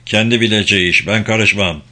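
A man's voice: lowish voice, a little fast, sharp tone. A man voicing a brusque police lieutenant who talks in curt, clipped phrases in an audiobook.

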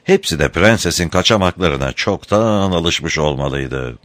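A man narrating a novel as an audiobook, in a scripted, expressive storytelling manner. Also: low voice, moderate pace, no echo.

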